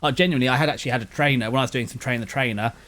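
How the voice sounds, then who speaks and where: This West London man, who runs an anime channel, talks at a racing pace in a medium-pitched, fairly bright voice. He has a London accent and a slight lisp, and his casual, rambling chat is full of restarts that make his words run together.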